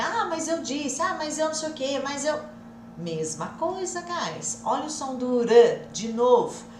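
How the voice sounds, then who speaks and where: A Brazilian woman teaching a live English lesson, drilling phrases over and over in a lively, repetitive way. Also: fairly high pitch, reverberant, slight background noise. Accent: Brazilian Portuguese.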